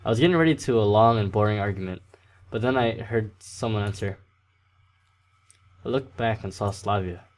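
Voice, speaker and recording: Low-voiced man reading a game aloud. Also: moderate pace, pauses often. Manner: casual, stumbling over words, self-correcting. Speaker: let's play host. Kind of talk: reading a visual novel aloud.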